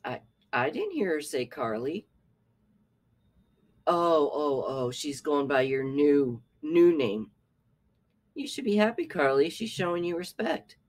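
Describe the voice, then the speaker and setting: A man's voice: a little high, sing-song, slow pace, pauses often. A man hosting a reaction commentary, talking in a sarcastic, scolding way. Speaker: commentary channel host.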